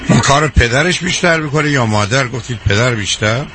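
A man hosting a call-in advice show on the radio, talking to callers frankly, calmly and directly. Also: mid-range voice, slight background noise.

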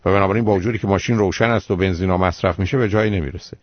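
A man, a psychologist on a radio call-in show, explaining things calmly to callers and calling them dear. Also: sits low, no room sound, highs cut off. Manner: calm, explanatory, calls listeners "dear".

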